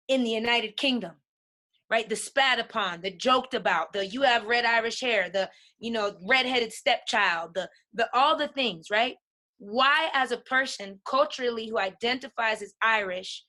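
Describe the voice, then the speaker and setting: A woman's voice: a little high, pushed and bright. A woman guest on a podcast, talking passionately and emphatically, often checking in with "right?". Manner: emphatic, keeps asking "right?". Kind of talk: passionate conversation.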